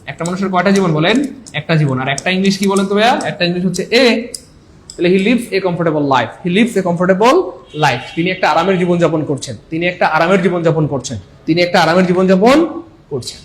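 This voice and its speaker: High-voiced energetic Bangladeshi male teacher. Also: brisk, a little hiss or hum. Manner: energetic, repeats points and quizzes listeners. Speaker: English teacher. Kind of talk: exam-prep grammar lesson.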